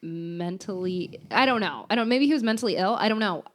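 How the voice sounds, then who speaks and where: A woman's voice: mid-range voice, expressive, fairly quick. Giggly young woman telling a true crime tale. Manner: giggly, laughs often between lines. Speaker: podcast co-host. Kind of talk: casual chat, telling a true crime story.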